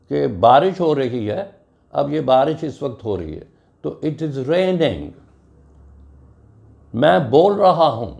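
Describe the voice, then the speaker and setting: A man with a Pakistani accent teaching English grammar and spelling out each word letter by letter. His delivery is slow and deliberate, with a gravelly edge to his voice. His pitch sits fairly high and moves lively up and down. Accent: Urdu-flavored Pakistani English. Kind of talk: grammar lesson.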